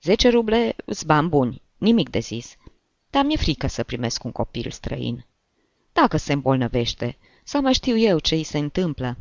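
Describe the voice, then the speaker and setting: A man's voice: a little high, big pitch swings, vocal fry, no echo, muffled recording. A man voicing a plump, tearful middle-aged woman who gushes in exclamations, in an audiobook reading. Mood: fretful.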